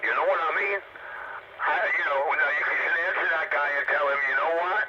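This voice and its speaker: A man's voice: fairly high pitch, a little fast. A man talking over CB radio in casual chatter, rambling in a profane, boastful, taunting way. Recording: muffled CB radio with loud static.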